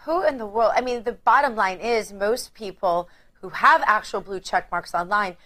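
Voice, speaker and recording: A woman's voice: medium pitch, normal speed, bright, forceful tone. A woman hosting a news show, handing off to correspondents with chatty, laughing asides. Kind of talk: cable news anchoring.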